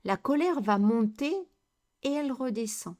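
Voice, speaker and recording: A woman coach delivers a slow, deliberate educational talk on handling conflict, posing many rhetorical questions. Her voice sits on the high side with a darkish tone.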